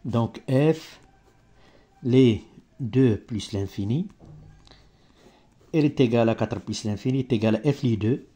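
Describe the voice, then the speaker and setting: A male maths teacher, not a native French speaker, explaining step by step in halting, broken French with grammatical slips and searches for words. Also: medium pitch, mellow. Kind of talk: improvised maths lesson.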